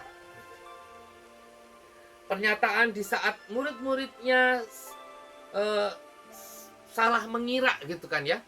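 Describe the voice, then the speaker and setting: A woman's voice: mid-range voice, bright, forceful tone. A woman with an Indonesian accent giving a devotional sermon at a morning prayer meeting, talking in a loose conversational way with many filler tags and hesitations.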